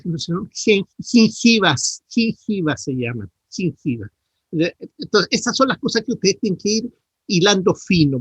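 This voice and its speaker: A man's voice: high voice, husky, no echo. A middle-aged man with a Chilean accent, a dentistry professor giving feedback in an online class and correcting terms with many tag questions. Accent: Chilean Spanish.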